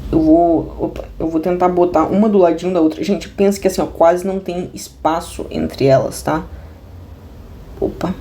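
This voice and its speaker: A woman with a Brazilian Portuguese accent works through a math lesson from her desk. She talks straight to her viewers in slang, jokes and breaks off into restless asides. Her voice is mellow and warm. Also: lowish voice, expressive, normal speed, a little hiss or hum. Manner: restless, many restarts and asides. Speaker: math teacher. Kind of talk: casual video math lesson. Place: at a desk indoors.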